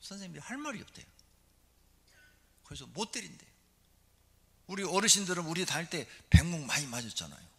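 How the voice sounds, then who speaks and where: A middle-aged male pastor giving a lively, conversational sermon in church, full of rhetorical questions. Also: a little high, brisk, gravelly, pauses often, slightly rough. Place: church sanctuary.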